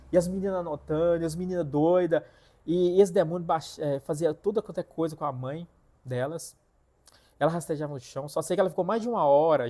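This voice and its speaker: A man telling a personal story to his viewers in an animated, repetitive way, often calling out to them directly. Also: a little high. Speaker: vlogger telling a personal testimony. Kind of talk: casual spoken storytelling.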